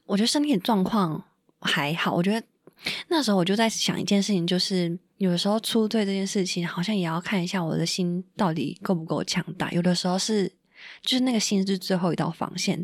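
Lower woman's voice, dry close mic. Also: quick pace, no echo. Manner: emotional retelling with frequent fillers and quoted dialogue. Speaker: podcast guest. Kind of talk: casual storytelling.

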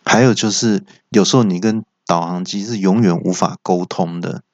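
A man's voice: sits low, moderate pace, no room sound. Taiwanese mandarin guy doing a comedy story bit, chatty, trips over words, dry slightly dull audio. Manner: chatty, restarting storyteller with excited outbursts. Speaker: stand-up comedian. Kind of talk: comic storytelling monologue.

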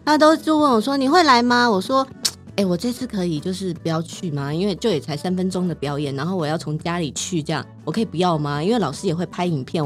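A middle-aged woman with a Taiwanese Mandarin accent co-hosts a casual podcast. She talks at a mid pitch and agrees readily. A light music bed plays faintly behind her. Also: husky. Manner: warm, agreeing listener, quick reactions. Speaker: podcast co-host. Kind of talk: casual chat.

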